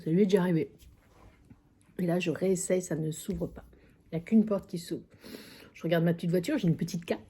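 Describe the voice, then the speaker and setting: A woman's voice: lowish voice, steady tone, a little fast, long pauses, warm tone, breathy edge. A woman psychic medium vlogging casually, telling a story with many fillers and repetitions. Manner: chatty, many fillers and repeated phrases. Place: at a friend's country house.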